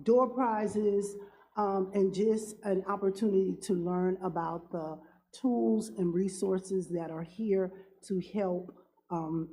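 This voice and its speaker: Slow, halting woman with a cold. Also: medium pitch, mellow, low-quality recording. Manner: halting, many ums, earnest. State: has a cold, cough drop in mouth. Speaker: town councilwoman. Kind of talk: closing remarks at a council meeting.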